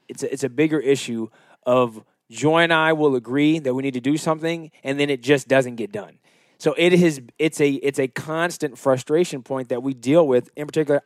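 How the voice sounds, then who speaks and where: A young adult man co-hosting a casual podcast, explaining himself in a measured, earnest way. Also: mid-range voice, no echo, clean studio sound. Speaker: podcast co-host. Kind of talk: casual chat.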